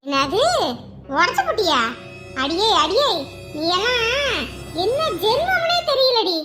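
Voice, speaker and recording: An actress playing a sharp-tongued older mother-in-law in a TV serial, nagging and mocking. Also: very high voice, big pitch swings, slow, over music, full character voice. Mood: scolding. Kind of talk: TV serial acting.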